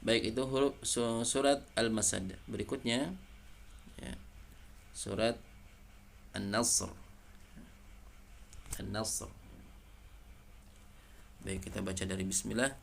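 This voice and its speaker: A man with an Indonesian accent teaching Quran recitation, patiently correcting letter sounds and chanting verses slowly. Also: lowish voice, steady tone, creaky, a little hiss or hum. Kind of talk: tajwid lesson with slow chanted recitation.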